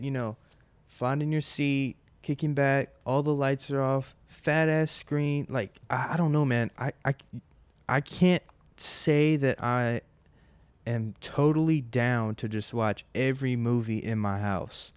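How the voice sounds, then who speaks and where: Smooth-voiced young man rambling casually. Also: mid-range voice, fairly even intonation, measured pace, dry recording. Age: 20s. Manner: rambling and loose, heavy on "like" and casual swearing. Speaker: podcast host. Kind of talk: casual solo podcast monologue.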